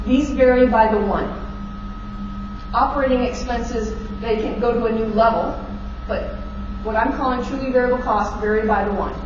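A woman's voice: a little high, moderate pace. A middle-aged woman giving a conference keynote lecture on stage, explaining terms plainly and quizzing the audience with questions. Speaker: keynote speaker. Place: large dark conference hall stage. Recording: echoey hall recorded from far off, dull and noisy.

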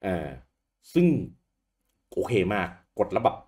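A man co-hosting a podcast, chatting casually about old video games with a relaxed manner and easy swearing. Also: takes it slowly. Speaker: podcast co-host.

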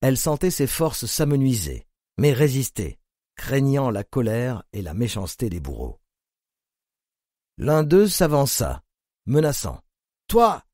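A male narrator reads a grim novel in a grave, measured manner. His voice is warm and dark with an animated pitch line, recorded dry and close. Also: no room sound. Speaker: audiobook narrator. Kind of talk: scripted narration.

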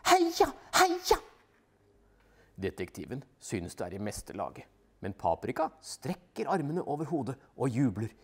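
A man narrating a children's audiobook in a lively, expressive way. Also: lowish voice, husky.

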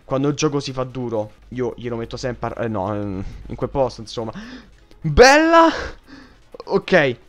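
A young man with a Roman accent, doing excitable let's-play commentary, shrieking in panic and swearing often. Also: mid-range voice, brisk, few pauses, faint music behind. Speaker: gaming youtuber.

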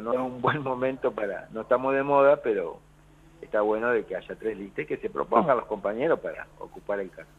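Calling a radio show by phone, an Argentine man who leads a union gives a meandering interview in Argentine Spanish, frequently starting over. His voice is lowish with a breathy edge, carried on a tinny phone line.

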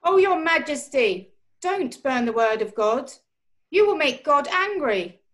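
An anxious young soldier pleads in a high, distressed voice, as a woman acts him out. The pitch rises and swoops with worry. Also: big pitch swings, unhurried. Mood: pleading distressed.

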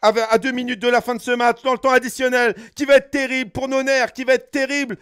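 A man giving excited live play-by-play commentary on a video game football final, repeating warnings as the action builds. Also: very high-pitched, quick pace, smooth. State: standing up, keyed up. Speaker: esports commentator.

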